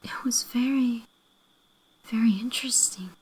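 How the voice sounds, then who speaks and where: A woman playing a loving, apologetic girlfriend in a breathy whispered role-play, gently making up after a fight. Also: a little high, a little slow, rough recording. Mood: soft, reassuring. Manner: gentle, reconciliatory, making up tenderly.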